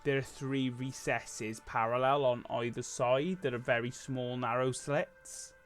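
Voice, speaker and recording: A man runs a tabletop game in an unhurried, hesitant way, often stopping to think mid-sentence. He sounds middle-pitched and easygoing, with faint music playing in the background. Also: fairly even intonation, clear, resonant tone. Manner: laid-back, hesitant with frequent ums. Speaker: game master.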